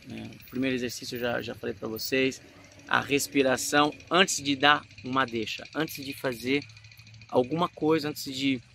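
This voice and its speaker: Gravelly, bright-voiced Brazilian man teaching. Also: medium pitch, slight background noise. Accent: Brazilian Portuguese. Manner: animated, demonstrates emotions mid-talk. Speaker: acting teacher. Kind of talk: casual acting lesson.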